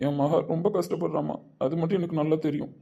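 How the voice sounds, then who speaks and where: A man's voice: fairly high pitch, level tone, fast, gravelly, mellow, highs cut off. A man playing a young husband who pleads earnestly with his mother. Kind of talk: web series drama acting.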